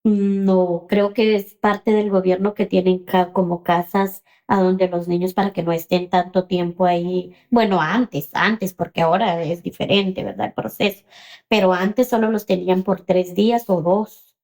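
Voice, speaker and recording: A woman, recounting her story as an interview guest. Her voice has a gravelly, fry-laden texture. She speaks hesitantly, often pausing on fillers and checking in with the listener. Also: on the low side, fairly even intonation, darkish tone. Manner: hesitant, many fillers and "¿verdad?" tags.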